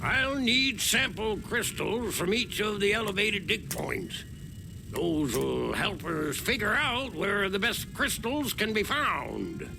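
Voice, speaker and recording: A man's voice: high-pitched, big pitch swings, takes it slowly, creaky, background noise, exaggerated voice. A man playing a grumpy but helpful old prospector in a video game, with a folksy, rustic way of talking. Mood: apologetic, helpful. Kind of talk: video game character acting. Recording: music behind the voice.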